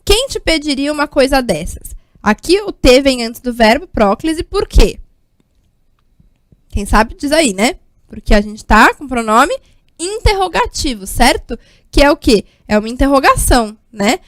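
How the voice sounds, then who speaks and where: High-voiced Brazilian woman teaching grammar. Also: very animated, a little slow. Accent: Brazilian Portuguese. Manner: explanatory, checks in with "né?" and "tá?". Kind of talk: whiteboard grammar lesson.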